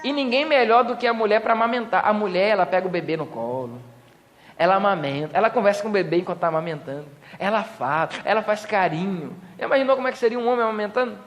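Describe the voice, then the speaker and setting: A man's voice: high voice, expressive, fast, fairly bright tone. A Brazilian man preaching a humorous sermon as pastor, acting out little scenes with voices. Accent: Brazilian Portuguese. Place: church hall. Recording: church hall reverb.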